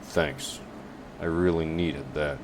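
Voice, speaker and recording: A man's voice: rumbling low, steady tone, takes it slowly, noisy background, full character voice. A man voicing a tired, put-upon young male apprentice in an audiobook, with a strained, raised voice. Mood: annoyed.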